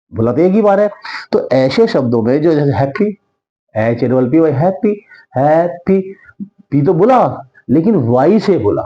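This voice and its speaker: A man's voice: fairly high pitch, lo-fi sound. A male teacher giving a grammar lesson, drawing words out and repeating examples to drill them. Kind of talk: Hindi-language grammar lesson.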